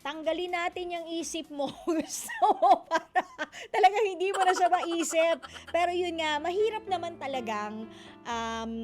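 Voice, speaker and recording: A woman with a Filipino accent hosting a casual radio advice segment, playful and teasing, laughing often as she reads and answers listener letters. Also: very high voice.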